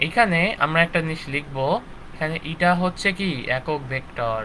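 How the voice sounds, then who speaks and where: A man's voice: fairly high pitch, moderate pace, pushed and bright, slight background noise, poor audio. A young man teaching a live online physics lecture, checking in with his students after nearly every point. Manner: checks in constantly with "ঠিক আছে?" and "okay". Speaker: physics instructor.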